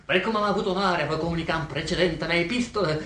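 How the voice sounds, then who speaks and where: A man's voice: fairly high pitch, pushed and bright, slight background noise. A man playing a pompous young lovesick suitor in a table reading of a stage comedy, bombastic and flowery, stumbling over fancy words. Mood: pleading.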